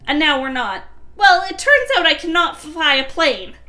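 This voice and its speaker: A shrill young cartoon heroine who is in a constant panic, squealing high and fast, as a woman puts her on. The voice is very high and bright, with a piercing edge. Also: very animated, exaggerated voice. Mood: alarmed.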